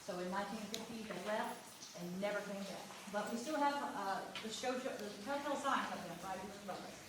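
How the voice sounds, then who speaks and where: A woman's voice: medium pitch, fairly quick. A woman guiding a group through a cave in a folksy, questioning way, her voice echoing off the rock. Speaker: cave tour guide. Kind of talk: guided tour talk to a group. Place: inside a cave. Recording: echoing cave, distant mic, clear noise.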